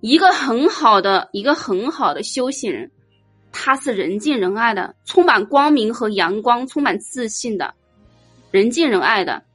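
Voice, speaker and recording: A woman giving an informal dharma talk as a Buddhist teacher, blunt and teasing, telling lively stories. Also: fairly high pitch, moderate pace, breathy edge, faint music behind. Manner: blunt, teasing, animated storytelling.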